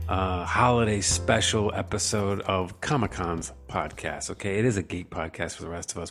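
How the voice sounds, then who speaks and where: A man's voice: fairly low pitch, vocal fry. A man hosting a casual comedy podcast, riffing in a playful, profane and theatrical way. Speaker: podcast host. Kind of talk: casual comic chat.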